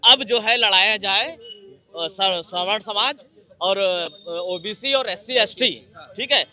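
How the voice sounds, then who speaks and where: A man from the public explaining his view steadily in a street interview, pausing on hesitant fillers. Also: sits high, sharp tone.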